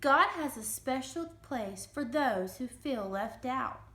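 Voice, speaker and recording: A woman voicing a kind old storybook cow, gentle and reassuring, who comforts a friend. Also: sits high, expressive, slow pace, exaggerated voice. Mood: comforting. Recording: roomy, echoing room sound.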